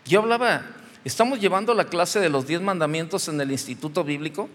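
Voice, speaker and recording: A Mexican pastor preaching in a slightly high voice that rings through the long reverb of a church hall. His delivery is chatty and full of humor, like a man telling an anecdote among friends before he brings it back to the point. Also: lively intonation, a little fast, fairly bright tone. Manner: conversational, joking storytelling from the pulpit. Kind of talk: sermon.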